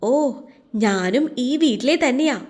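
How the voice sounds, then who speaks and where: A woman's voice: sits high, animated, slow, a little mellow. A woman voicing a cheeky young woman who teases with mock innocence. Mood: teasing.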